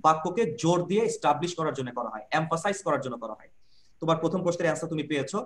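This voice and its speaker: Guy teaching grammar on a video call, talks quick, kinda high voice, keeps checking you get it. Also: animated, fairly bright tone. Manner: explains patiently, repeats points, asks rhetorical checks. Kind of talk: online class Q&A.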